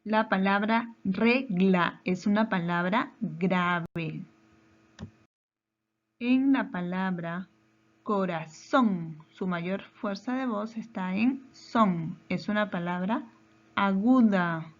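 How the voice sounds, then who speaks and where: A woman teaching a children's grammar lesson, asking questions and answering them herself in slow, careful steps. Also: mid-range voice, lo-fi sound. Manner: slow, careful, questioning delivery with deliberate pauses.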